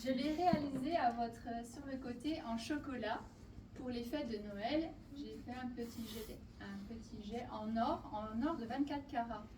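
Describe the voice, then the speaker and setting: A Portuguese woman painter leads visitors around her exhibition in a hall, hesitating a lot with fillers and restarts as she presents her artworks. Her voice is a little high and a little slow, with background noise, and the roomy hall leaves her far from the mic.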